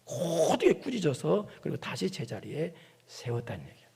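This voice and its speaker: A man preaching a sermon as pastor, animated, with rhetorical questions and scolding tones. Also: a little high, normal speed, vocal fry, husky, long reverb tail. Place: church sanctuary.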